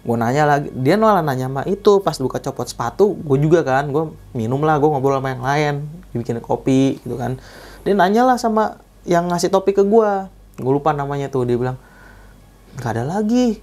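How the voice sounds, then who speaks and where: A man's voice: on the high side, expressive, a little fast, darkish tone. A young man, casually telling a true spooky hiking story and acting out the quoted dialogue in slang.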